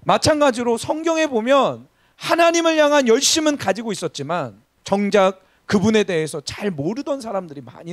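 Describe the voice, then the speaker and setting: A man's voice: sits high, no room sound. A man in his thirties preaching a sermon as pastor in a church service, telling funny stories and asking the congregation questions. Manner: engaging, asks the congregation questions, humorous storytelling.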